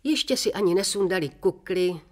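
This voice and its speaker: A woman reading a children's story aloud with clear, steady storytelling. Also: medium pitch. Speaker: story reader.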